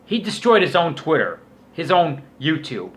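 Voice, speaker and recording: A man's voice: fairly high pitch, very animated, normal speed. A man giving a casual, rambling commentary rant as a vlogger, in a crude, scornful, swearing manner. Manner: crude, profanity-laden, scornful. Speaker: YouTube vlogger.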